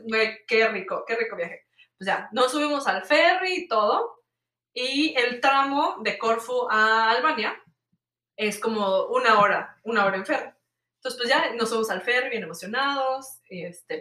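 A woman's voice: on the high side, roomy sound, recorded from a distance. A woman telling travel anecdotes in a casual chat, full of fillers. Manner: animated anecdotes with many fillers. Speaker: storyteller in a chat.

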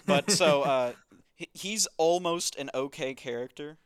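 A man's voice: on the high side, unhurried, smooth, dry recording, studio quality. Wry man recapping a comic. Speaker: podcast host. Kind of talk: casual chat recapping a comic.

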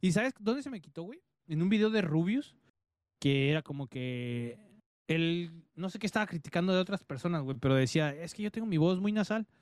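Nasal, high-voiced Mexican man joking. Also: lively intonation, fairly quick, darkish tone, dry recording, clean studio sound. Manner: joking, laughs often. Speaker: podcast co-host. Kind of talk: casual podcast banter.

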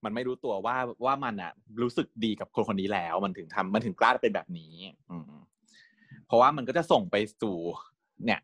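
A man's voice: fairly low pitch, brisk, dry recording, clean studio sound. A man retelling a series in casual, chatty talk, laughing and acting out scenes. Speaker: series recap host.

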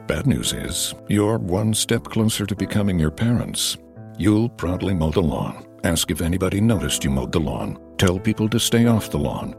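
A man narrating a scripted advert as a wry, deadpan announcer. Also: low-pitched, creaky.

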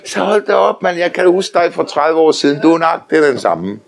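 An older man preaching a sermon, telling lively anecdotes, often laughing and calling on listeners to say amen. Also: a little high, vocal fry. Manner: animated storytelling, often laughing, calls for amens.

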